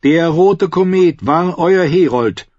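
Priestess figure, fierce and commanding, read by a man, high and breathy, dry booth. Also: takes it slowly, a little mellow, no room sound, lo-fi sound. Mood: fervent. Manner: raised, fervent, insistent. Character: commanding, fiercely intense female red priestess.

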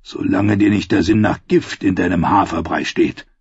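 A man voicing a sardonic old male archmaester, speaking dryly and with quiet menace. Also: sits low, fairly even intonation, vocal fry, husky, dry recording, full character voice. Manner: dry, menacing, unhurried. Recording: dull, dry lo-fi recording.

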